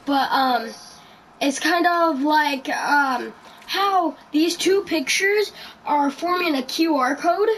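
A woman hosting a casual podcast chat, rambling through her story. Her voice sits high and she takes her time, pausing on plenty of ums and likes. There is a faint hiss behind her. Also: fairly bright tone, poor audio. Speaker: podcast host.

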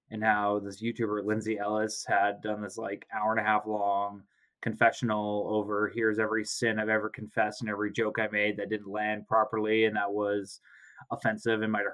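A Canadian man with a sore throat hosts a podcast from home, chatting casually over a video call on a home mic. His voice sits lowish and a bit bright, and his talk is rambling, jokey and full of self-corrections.

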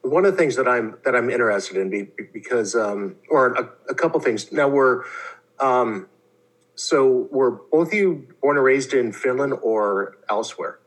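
A man interviewing two students, halting and repeating words as he forms questions. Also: mid-range voice, animated, poor audio.

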